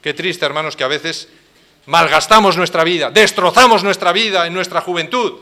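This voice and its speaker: A male pastor with a Spain Spanish accent preaches with theatrical force, dropping to near hush and then rising to loud, pressing outbursts. His voice sits a little high and rings bright and forceful. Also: moderate pace. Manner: dramatic, swings between hushed and loud. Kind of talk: sermon.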